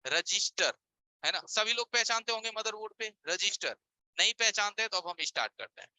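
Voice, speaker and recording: A man's voice: sits high, expressive, brisk, bright, forceful tone, no echo, poor audio. A man teaching a live online repair class, explaining with everyday examples and rhetorical check-in questions over a screen share. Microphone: voice-over on a screen-share stream.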